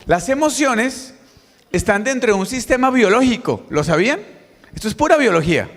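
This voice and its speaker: A middle-aged Colombian man giving a conference talk, lively and quizzing the audience directly. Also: extremely high pitch, normal speed. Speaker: motivational speaker. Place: large conference hall. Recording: reverberant hall, mic on stage.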